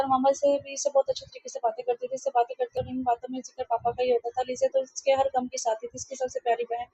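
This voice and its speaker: A woman's voice: sits high, mellow, slightly rough, no room sound. A woman narrating a romance novel as an audiobook, reading steadily. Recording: dull lo-fi dry audio.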